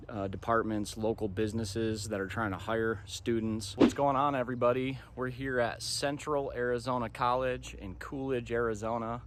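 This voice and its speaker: Holding his phone at arm's length, a thirty-something American vlogger chats informally to camera, recapping his day. His voice is fairly low. Light background noise drifts in from the park path and parking lot where he's recording.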